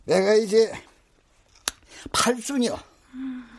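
Halting, very old country man. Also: very high voice, heavily acted. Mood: worried. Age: 80s. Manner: halting, stumbling delivery. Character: very old rural man, flustered, worried collector. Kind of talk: radio drama acting.

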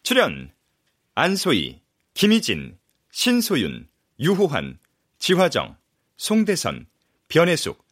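A male announcer reading a radio drama's credits in a measured way. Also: a little high, wildly swooping pitch, a bit bright, dry recording, clean studio sound.

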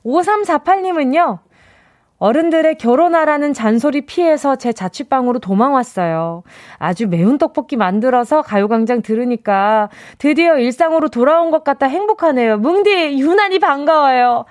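A woman's voice: high-pitched, expressive, normal speed, a little mellow, no echo, clean studio sound. A woman of thirty hosting a radio show, reading listener messages and chatting playfully with a caller. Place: radio studio. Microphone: close studio mic.

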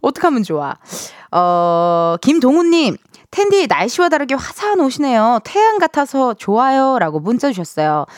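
Animated high-voiced woman hosting radio. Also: moderate pace, few pauses, no room sound, clean studio sound. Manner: playful, expressive, self-teasing. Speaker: radio DJ, show host. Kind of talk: casual chatty radio hosting, reading listener messages. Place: radio studio.

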